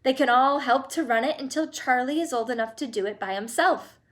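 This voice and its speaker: A woman voicing an excitable, eccentric male candy-maker in a storybook reading, brisk and theatrical. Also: high voice, close to an everyday voice.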